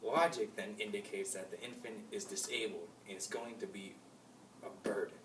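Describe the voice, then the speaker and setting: A young man playing a calm male moral philosopher in a class-project mock debate, reading his lines a bit stiffly with some hesitations. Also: lowish voice, normal speed, natural voice. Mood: plain. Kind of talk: amateur class-project role-play. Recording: echoey room, mic far off, noisy.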